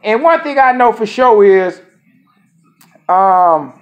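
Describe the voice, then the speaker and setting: A man's voice: high voice, lively intonation, slow pace, lo-fi sound. A man in his thirties speaking a casual monologue to camera, rambling and profane, often repeating his phrases. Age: 30s. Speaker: vlogger.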